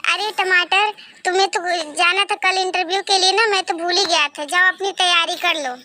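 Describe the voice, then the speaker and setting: A man's voice: very high voice, fairly even intonation, moderate pace, sharp tone, heavily acted. A man voicing a stubborn, devoted young son in a cartoon, talking firmly. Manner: firm, pleading with his mother. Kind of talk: cartoon voice acting.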